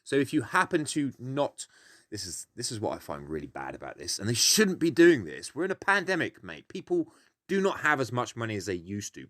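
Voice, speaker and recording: A man's voice: lowish voice, fairly bright tone, no room sound, clean studio sound. A British man explaining a game in a casual, grumpy, grumbling way, blunt and sweary as he gives his opinions. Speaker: gaming video host.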